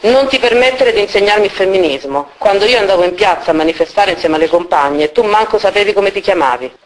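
A woman's voice: medium pitch, lively intonation, quick pace, a little hiss or hum, close to an everyday voice, rough recording. A woman reading as a furious, scornful ex. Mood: scornful, angry. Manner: scornful, insulting outbursts. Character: furious domineering middle-aged woman, ex-partner. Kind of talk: dramatic reading aloud.

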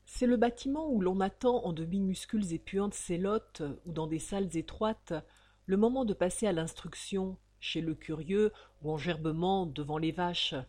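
A woman reading a novel aloud, giving each character's line a loud, raised voice. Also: normal speed. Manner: acts out the characters' lines loudly and with raised pitch. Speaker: reader of a novel. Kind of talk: expressive audiobook reading.

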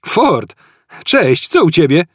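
A man reading an audiobook puts on a flustered young Englishman who is fed up and sarcastic. His voice jumps high and swings wildly, and he sounds close to the mic. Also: very animated, slow, a bit bright, no echo, heavily acted. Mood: surprised. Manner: sarcastic, exasperated, shrill outbursts. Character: flustered indignant young Englishman stuck in mud. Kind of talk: audiobook character voice.

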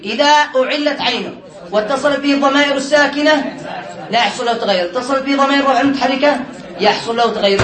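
Man, very high voice, classroom teacher, step-by-step explanation, quizzes students, echoey room. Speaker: teacher of Arabic morphology. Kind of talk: classroom lesson.

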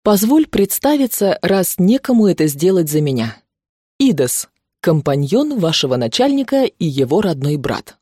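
A woman voicing a confident adult male werewolf in a storybook reading, self-assured and smooth. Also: on the low side, big pitch swings, moderate pace, mellow, no echo, studio quality.

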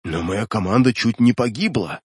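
A man voicing an anxious, gruff boat captain who urges and pleads with his superior. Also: fairly low pitch, moderate pace, darkish tone, no room sound, clean studio sound. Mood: subdued.

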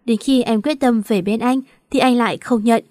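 A woman's voice: on the high side, normal speed, warm tone, no room sound, clean studio sound, lightly acted. A woman reading the lines of a torn, tearful young woman in an emotional, questioning lament. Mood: anguished.

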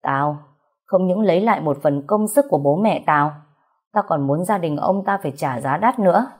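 Female narrator doing a brooding young man bent on revenge, cold, grim, low and husky delivery. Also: normal speed, darkish tone. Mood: bitter.

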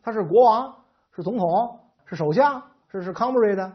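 A man's voice: sits high, lively intonation, normal speed, breathy edge, voice pushed up. A man voicing a flustered young male office secretary on his first day, stammering and exasperated. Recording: slightly dull lo-fi recording.

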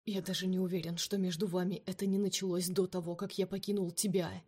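A woman's voice: fairly low pitch, level tone, fast talker, warm tone, breathy edge. A woman voicing a bitter, jealous man who speaks in a cold, cutting way. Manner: cold, cutting, at times hissed.

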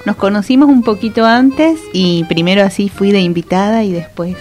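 A woman's voice: mid-range voice, normal speed, soft background music. A woman in her forties, born in Chile and raised in Cuba, a guest singer chatting on a radio interview and laughing often. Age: 40s. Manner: laughs often, soft-spoken.

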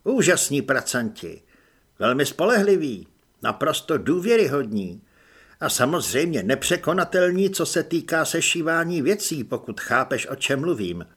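A man doing a smug young vampire, higher and louder. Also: very animated, slightly rough, exaggerated voice. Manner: smug, superior. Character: pompous young male vampire recruit.

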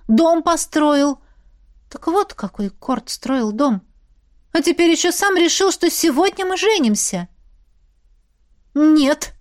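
Expressive woman reading a novel aloud. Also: a little high, no room sound, studio quality. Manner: emotional, expressive storytelling. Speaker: audiobook narrator. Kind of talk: first-person audiobook narration.

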